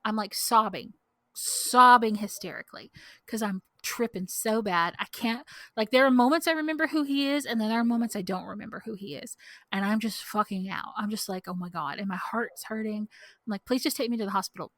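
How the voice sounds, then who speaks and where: A young woman, co-hosting a podcast and telling a story in casual chat, animated and full of "like", acting out what people said. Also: fairly high pitch, normal speed, no echo. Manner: animated, heavy use of "like", acts out quotes. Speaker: podcast co-host. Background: dog barking outside.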